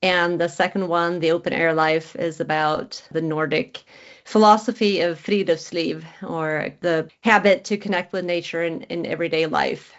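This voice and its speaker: A middle-aged woman with a Swedish accent answers interview questions in an earnest, thoughtful manner and sometimes restarts a phrase. Her voice sits on the low side. The audio is dull and lo-fi. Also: fairly even intonation, normal speed. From Sweden. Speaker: guest author.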